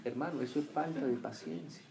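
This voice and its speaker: A man preaching a sermon who keeps asking his listeners questions and answering them, rising loud on key lines and dropping low and quiet on others. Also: brisk, gravelly, noisy background. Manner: swings between raised emphatic lines and quiet low remarks.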